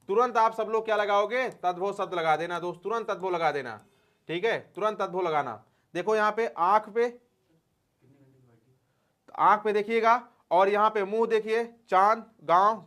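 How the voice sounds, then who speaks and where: A man's voice: high voice, fairly bright tone. A man teaching grammar for exams in a folksy manner, asking questions and answering them himself and calling his students dear friends. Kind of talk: exam-prep lesson.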